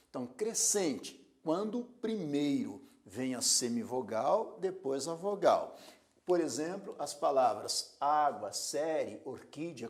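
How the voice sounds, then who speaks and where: Male grammar teacher, fairly high voice, lively up-and-down delivery, patient explainer. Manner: slow, explanatory, repeats key terms and asks rhetorical questions; corrects slips aloud. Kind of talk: recorded classroom lesson.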